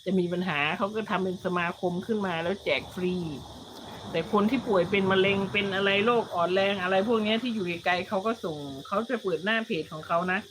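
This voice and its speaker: A woman's voice: mid-range voice, fairly quick, noisy background. A woman hosting a livestream, chatting casually and telling stories in a rambling way. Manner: rambling, chatty storytelling, reads viewer comments aloud. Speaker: livestream host.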